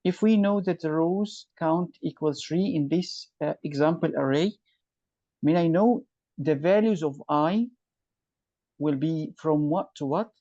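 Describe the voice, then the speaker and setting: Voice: mid-range voice, measured pace, warm tone, no room sound. A computer science tutor on a video call, captured as a screen recording, who patiently walks through each loop step and checks that the student follows. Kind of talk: step-by-step online lesson. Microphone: computer mic on a video call. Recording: dull, dry video-call audio.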